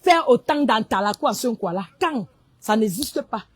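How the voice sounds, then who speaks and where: A woman with a Cameroonian French accent speaks in a high, piercing voice. She rants hotly and confrontationally, dropping into Pidgin English as she goes. The sound is dry and close, with no room around her. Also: lively intonation, normal speed, husky, no echo. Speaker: online commentator. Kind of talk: heated livestream rant.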